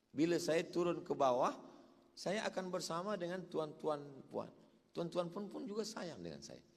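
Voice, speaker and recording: A man, an Islamic preacher, telling religious stories in a lively way and acting out the quoted speech. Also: medium pitch. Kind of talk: religious talk with storytelling. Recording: long hall reverb.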